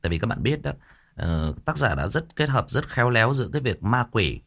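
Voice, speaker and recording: His mid-range voice swings widely in pitch, runs fairly quick, and sounds a bit bright. He's a Vietnamese audiobook narrator and story-channel host, casually rambling to livestream viewers about a story and often repeating words as he finds the next one.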